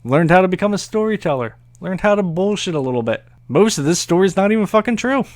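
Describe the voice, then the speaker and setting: A man's voice: high voice, expressive, quick pace, a little mellow, no echo. A young man telling a rambling, profane comic story in a sardonic manner. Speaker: comedian. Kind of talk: storytelling comedy.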